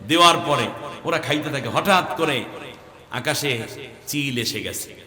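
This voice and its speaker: A man's voice: on the high side, unhurried, pushed and bright. A man from Bangladesh, preaching a waz sermon, chanting verses in a sung style and firing rhetorical questions at the crowd. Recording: echoey hall with long reverb.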